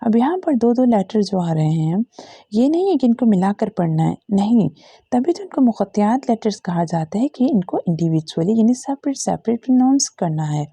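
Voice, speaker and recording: A woman teacher with an Urdu-Hindi accent walks through a recitation lesson letter by letter, stretching each sound patiently. Her voice is dark and mellow with a gravelly edge. The recording is dry and close. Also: medium pitch, sing-song, normal speed, no room sound. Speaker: Quran reading teacher. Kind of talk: slow step-by-step recitation lesson.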